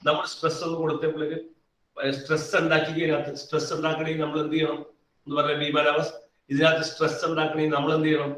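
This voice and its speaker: A man's voice: a little high, monotone, very fast, fairly bright tone. A man teaching a physics class live online. He calls on students by name, coaxes answers out of them and repeats key phrases over and over. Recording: echoey room, mic far off.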